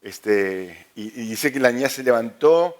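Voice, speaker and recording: A man preaching a sermon as pastor, earnest, often repeating words and slowing down for emphasis. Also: mid-range voice, lively intonation, darkish tone. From Argentina.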